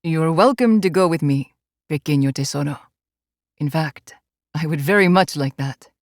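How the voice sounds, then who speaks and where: A woman voicing a gentle, confident adult male alpha with a soft, smooth, lightly teasing manner. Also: deep voice, moderate pace, dry recording, studio quality, voice pushed down, natural voice.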